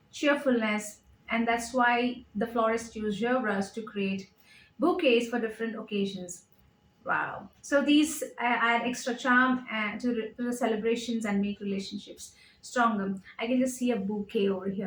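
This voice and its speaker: A woman's voice: on the high side, reverberant, slight background noise, rough recording. A woman chatting casually at home in a show-and-tell vlog, reading out product labels with lots of fillers. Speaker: lifestyle vlogger. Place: home living room.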